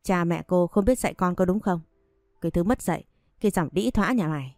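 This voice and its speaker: A woman voicing a harsh, domineering older mother-in-law who hurls insults in a low, mellow voice. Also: fairly quick, no room sound, clean studio sound, faint music behind, natural voice. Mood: scornful, scolding. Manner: shrill insulting scolding.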